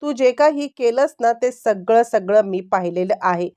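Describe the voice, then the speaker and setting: A woman's voice: on the high side, animated, normal speed, warm tone, natural voice. A woman voicing an angry young husband who confronts his wife, in a storybook recap.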